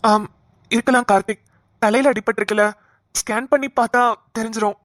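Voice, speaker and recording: A woman voicing a calm young male doctor who reassures the family in an animated cartoon. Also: a little high, brisk, no echo, clean studio sound, close to an everyday voice. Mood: reassuring. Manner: soothing, explaining patiently.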